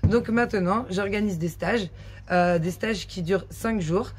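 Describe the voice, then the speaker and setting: A woman from France who runs a horse farm, explaining her work casually, with many pauses and fillers. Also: mid-range voice, a little hiss or hum.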